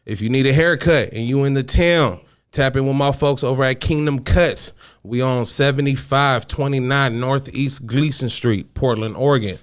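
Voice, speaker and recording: Blunt, profane male podcast host, mid-pitched, speaking in a studio. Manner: profane, blunt, reads sponsor list quickly. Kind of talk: casual podcast chat.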